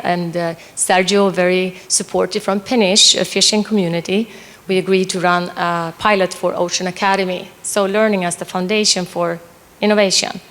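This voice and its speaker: A woman from Sweden in the audience of a panel discussion, earnestly giving a long background before her question. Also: lowish voice. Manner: earnest, explains at length before asking. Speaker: audience member asking a question. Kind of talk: panel Q&A, speaking from the floor. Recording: reverberant conference hall.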